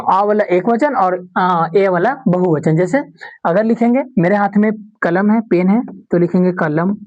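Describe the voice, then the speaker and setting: A woman teacher leads an exam-prep grammar lesson in a mid-pitched voice, saying each example word again and again. She asks questions and then answers them herself. The recording sounds dull and lo-fi. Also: a little mellow. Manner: repeats example words slowly, asks and answers own questions.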